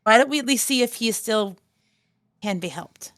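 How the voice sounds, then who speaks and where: A woman playing in a tabletop game from her home over a voice call, soft-spoken and easygoing. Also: a little high, expressive, normal speed, no room sound, clean studio sound. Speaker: player and mother. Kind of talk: casual chat in a tabletop game. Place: home with children. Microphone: voice call mic.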